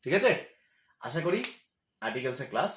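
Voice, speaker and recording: A man's voice: mid-range voice, very animated, brisk, roomy sound, slight background noise. A male teacher explaining English grammar in a patient lesson, repeating each point and asking and answering his own questions. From West Bengal, India.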